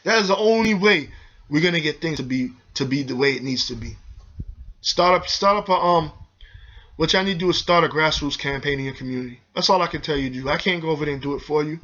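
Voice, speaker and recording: A video host rants heatedly in his vlog, speaking fast and forcefully in a fairly high, tense, slightly bright voice. He's preachy and repetitive, addressing his viewers directly as "y'all." The sound is dull and lo-fi.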